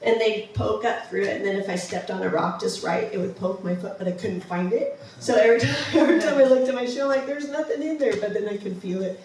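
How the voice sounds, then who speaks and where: A medium-pitched, slightly mellow female voice moves fast with few pauses. She's giving a casual, enthusiastic travel slideshow talk in a museum presentation room, stumbling through many ums and restarts. Slight background noise and heavy echo come from a distant mic.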